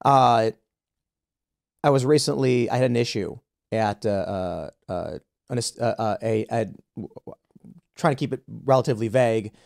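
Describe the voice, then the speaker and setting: A man's voice: mid-range voice, normal speed, creaky, long pauses, darkish tone. A man in his thirties from the United States, hosting a podcast and telling an indignant story full of restarts and repeated words. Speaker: podcast host. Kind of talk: casual podcast conversation.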